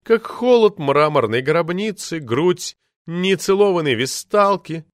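A man reads a novel aloud in a theatrical way. His voice sits slightly high, with lively pitch swings. The sound is dry and close to the mic. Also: measured pace, no room sound. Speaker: audiobook reader. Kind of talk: scripted audiobook narration.

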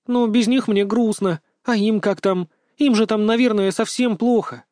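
A man voicing a lively, cheeky teenage granddaughter in an audiobook, with a bold, teasing way of talking. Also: high voice, moderate pace, no room sound, studio quality, voice pushed up, natural voice. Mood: sad. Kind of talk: audiobook character voice.

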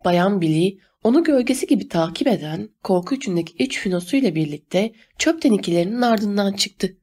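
A woman reading a novel aloud as an audiobook narrator, steady and measured. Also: mid-range voice, husky. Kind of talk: scripted narration.

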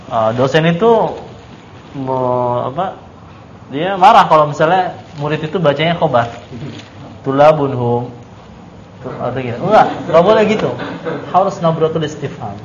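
A man's voice: mid-range voice, background noise. A man teaching Arabic grammar in a classroom, quizzing his students and stressing points emphatically. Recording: echoey dull room recording.

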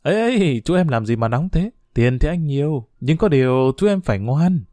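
A man's voice: fairly high pitch, lively intonation, normal speed, warm tone, no echo, clean studio sound, close to an everyday voice. A man voicing a cocky, boastful schoolboy friend who talks with swagger and mockery. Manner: swaggering, mocking.

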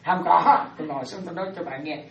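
A woman Buddhist teacher giving an animated dharma talk to lay followers, often checking that they follow. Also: on the low side, fast, creaky, a crowd in the background. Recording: roomy, distant, dull lo-fi sound.

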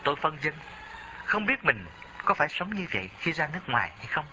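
A man's voice: a little high, sing-song, brisk, bright, forceful tone, slight background noise, rough recording. A man narrating a memoir in a reflective reading style.

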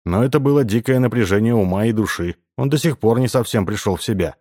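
A man voicing a polite, modest young male hypnotist in a read-aloud story, speaking softly and courteously. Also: fairly low pitch, quick pace, no room sound, clean studio sound, natural voice. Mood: gentle. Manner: soft-spoken, courteous.

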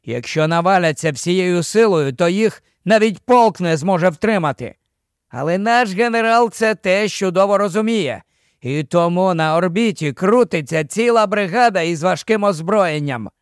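A composed army captain gives orders to a junior officer in a steady, patient tone that turns gently scolding, voiced by a man reading an audiobook. The voice sits fairly high for a man. The recording is dry, with no room echo. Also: moderate pace. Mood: steady command. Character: calm commanding male army captain, fatherly.

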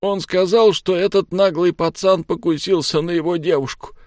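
Give me a shrill, sobbing young crook, badly beaten and terrified, as a male audiobook reader puts him on. The voice jumps way up high, and the words come blurted and tearful. The recording is close and dry, with no room around it. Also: steady tone, moderate pace, a little mellow, no room sound, close to an everyday voice. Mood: panicked sobbing.

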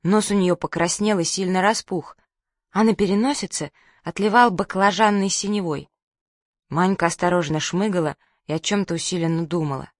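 A woman narrating an audiobook in a lively, expressive storytelling manner. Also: on the low side, normal speed, no room sound. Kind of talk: audiobook reading. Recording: dry close studio sound.

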